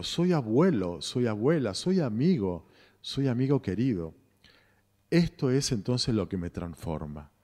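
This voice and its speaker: A man with a low, mellow voice and a Rioplatense Argentine accent preaches a slow, reflective homily, going back over his phrases with pauses between them. His voice rings through a long cathedral reverb. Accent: Rioplatense Spanish. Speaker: parish priest. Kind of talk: sermon.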